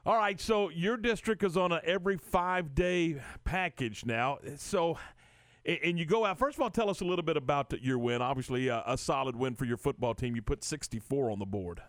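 American male sports radio host, live interview, slightly high pitch, dry close sound. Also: fairly quick, no echo.

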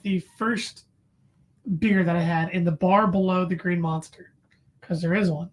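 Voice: mid-range voice, steady tone, a little slow. A podcast co-host chatting casually over beers, rambling through anecdotes and correcting themselves as they go.

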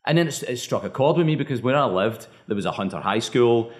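A man's voice: mid-range voice, lively intonation, quick pace. A man with a thick Scottish accent answering interview questions conversationally as a bar owner. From Scotland.

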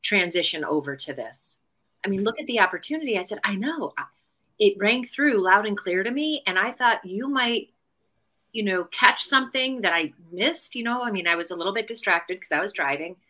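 A middle-aged woman talks as a guest on a podcast interview. Her voice is bright and forward, with a middle pitch. She is chatty and rambles through stories with frequent fillers and restarts. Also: lively intonation, moderate pace, rough recording. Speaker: guest real estate agent.

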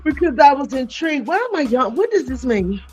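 Chatty, expressive middle-aged woman. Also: high-pitched, brisk, faint music behind. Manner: chatty and expressive, laughing and exclaiming. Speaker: podcast host. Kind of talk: casual chat.

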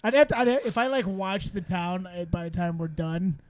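A man's voice: high voice, normal speed, darkish tone. A man co-hosting a podcast, joking around in casual, profane banter. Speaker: podcast co-host.

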